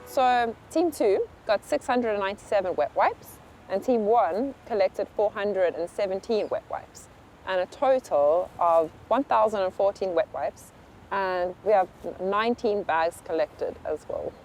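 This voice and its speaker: A woman's voice: medium pitch, lively intonation, measured pace, darkish tone, a little hiss or hum, poor audio. A woman volunteer reading out clean-up counts matter-of-factly outdoors. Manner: reporting figures matter-of-factly.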